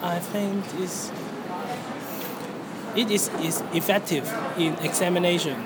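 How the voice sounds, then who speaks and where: A young adult with a Hong Kong accent answering interview questions in halting English, searching for words. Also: medium pitch, fairly even intonation. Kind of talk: interview answers about personal experience. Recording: loud air-conditioning or traffic-like background noise.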